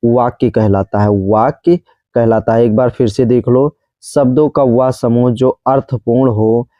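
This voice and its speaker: A man's voice: mid-range voice, fairly even intonation, measured pace, no echo, muffled recording. A man teaching basic English grammar in Hindi, saying each definition twice and pronouncing English terms with a Hindi accent. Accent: Hindi-accented English words. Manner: repeats each definition twice, calls viewers friends. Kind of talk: grammar lesson explained slowly.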